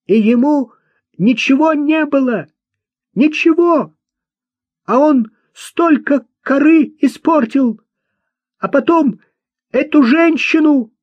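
A man's voice: a little high, slow pace, no echo, pitched above the performer's own voice. A man voicing a simple-minded, vengeful young man in an audiobook, talking bluntly and childishly. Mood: shouting. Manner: childish, blunt, hate-filled. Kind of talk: audiobook character voice. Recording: dull dry lo-fi recording.

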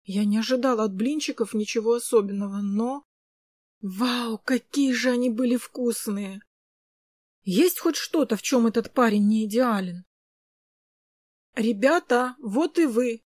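A woman's voice: a little high, moderate pace, darkish tone, no room sound. A woman narrating a first-person novel audiobook close to the mic.

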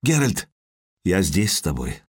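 A man voicing a gruff adult witcher speaking low and restrained in an audiobook. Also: very animated, a little slow, darkish tone, dry recording, clean studio sound, full character voice.

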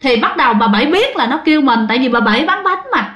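A woman's voice: high-pitched, lively intonation, quick pace, a bit bright. A woman who narrates ghost stories in a chatty, casual way and keeps addressing her listeners. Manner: chatty, addresses the audience often. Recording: dull, roomy recording.

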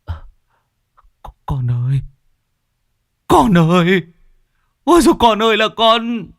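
A man's voice: low voice, wildly swooping pitch, slow pace, creaky, darkish tone, no echo, clean studio sound, full character voice. A man voicing a grieving old village father in a horror story, wailing and sobbing. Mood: wailing grief.

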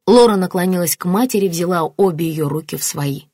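A woman reads a novel aloud in an even, clear narrating voice. Her pitch sits on the low side, and the sound is dry and close with no room around it. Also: fairly quick, no echo. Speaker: audiobook narrator. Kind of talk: scripted narration.

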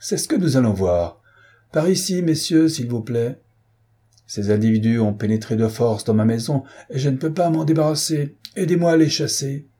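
A man's voice: mid-range voice, animated, normal speed, dark tone, slightly rough, voice pushed up. A man reading an audiobook who voices a blustering, indignant middle-aged man with a mocking, rising delivery.

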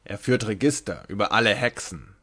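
A man's voice: lowish voice, lively intonation, normal speed, darkish tone, slightly rough. A man voicing a scornful companion who jeers at a young woman. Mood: jeering. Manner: scornful, jeering. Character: scornful, mocking man among rough companions.

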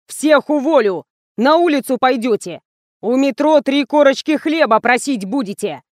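A woman voicing a hot-tempered male film director who barks orders and shouts. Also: sits high, animated, unhurried, dry recording, studio quality. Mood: bossy shouting. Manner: shouting, bossy, explosive.

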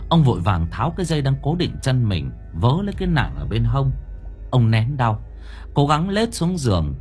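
A man narrating a spooky audiobook story in an expressive, vivid way. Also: medium pitch. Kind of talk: dramatic horror story narration.

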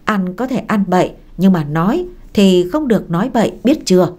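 A woman voicing a quarrelsome older village mother who shouts and curses. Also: medium pitch, expressive, normal speed, lightly acted. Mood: angry. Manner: shrieking, cursing.

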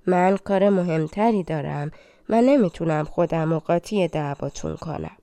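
A woman's voice: deep voice, dark tone, no echo. A woman voicing an arrogant, rude young brother in a storybook tale, brusque and scornful.

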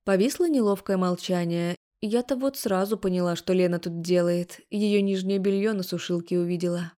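A woman telling a story in the first person, narrating an audiobook in an even storytelling manner. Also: fairly low pitch, moderate pace.

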